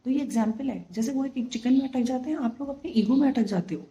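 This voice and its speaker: Exasperated woman venting, mellow voice. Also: sits high, fast. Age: 30s. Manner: exasperated, emphatic, mixing English into Hindi. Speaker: vlogger, former flight attendant. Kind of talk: candid personal vlog monologue.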